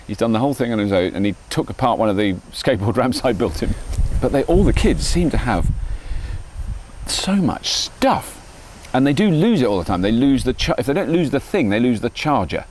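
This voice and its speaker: A man's voice: mid-range voice, fast, slight background noise, low-quality recording. A middle-aged man, rambling in a casual, self-mocking vlog monologue from his garden. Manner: chatty, self-mocking, animated. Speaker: vlogger. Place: garden, outdoors.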